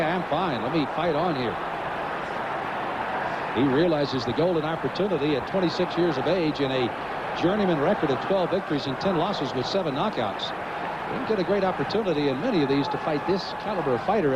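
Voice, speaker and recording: A man's voice: fairly high pitch, a little fast. A man giving live boxing play-by-play commentary in a flowing, conversational way. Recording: muffled broadcast over loud arena noise.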